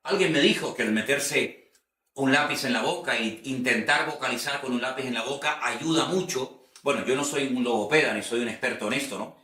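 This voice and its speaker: A male preacher delivers an earnest teaching talk at a brisk pace, his middle-pitched voice pushed and bright, and he repeats phrases often to press his points. He stands some distance from the mic, so a roomy echo fills the recording.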